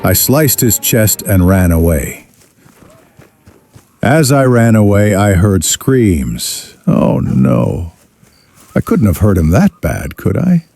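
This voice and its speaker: Man as a gravelly, slow-drawling western outlaw. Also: fairly low pitch, sing-song, warm tone, soft background music, full character voice. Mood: uneasy. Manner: folksy drawl, wry and unhurried. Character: young male outlaw drifter recounting his rough life, rueful. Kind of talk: scripted first-person western narration.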